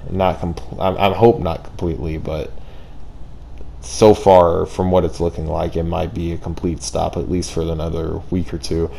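A man's voice: low voice, little pitch movement, moderate pace, gravelly, mellow, slight background noise. A young man talking casually and downbeat over gameplay, speaking carefully with a sore jaw from tightened braces. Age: teenager or young adult. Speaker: gaming video creator.

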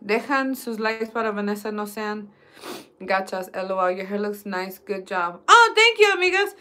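A woman's voice: medium pitch, level tone, unhurried, fairly bright tone. Joking Spanglish woman. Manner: joking, switches between Spanish and English. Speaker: vlogger. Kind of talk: casual chat.

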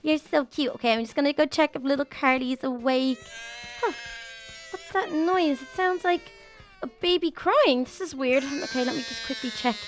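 A woman's voice: sits high, expressive, moderate pace. A young woman narrating a Minecraft role-play in a chatty, motherly way. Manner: chatty and motherly, with gasps and lots of fillers. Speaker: YouTube role-play host.

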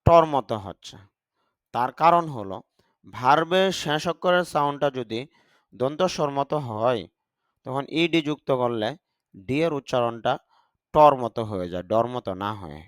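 A man teaching English vocabulary in Bengali, reading each word and its meaning in a deliberate, explaining manner, with a Bangladeshi Bengali accent. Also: mid-range voice, animated, clean tone, no echo, studio quality. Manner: deliberate, spells out pronunciation. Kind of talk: slow vocabulary lesson, word then meaning.

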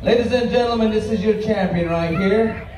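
A man's voice: sits high, normal speed, a little mellow. A man working as a powwow emcee, announcing over a PA system in a large tent. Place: large open-sided tent at an outdoor powwow. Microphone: distant camera picking up PA. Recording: echoey PA from far off, background noise.

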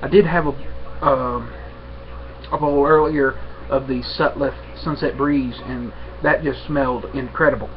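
A young man chatting casually to camera at home in an unhurried, halting, rambling way. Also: mid-range voice, steady tone. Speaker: vlogger, pipe smoker. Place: small room at home, indoors. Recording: dull webcam audio with faint noise.

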